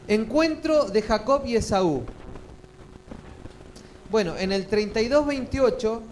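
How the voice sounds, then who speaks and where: A man's voice: high voice, a little hiss or hum, poor audio. A male pastor, preaching a sermon and often asking the congregation questions. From Chile. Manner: asks the congregation frequent questions.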